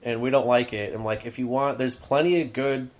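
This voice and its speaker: A middle school teacher co-hosting a podcast talks into a podcast microphone in a medium-pitched, steady voice at a fairly quick pace. He rambles casually and chattily, full of asides and lots of "like."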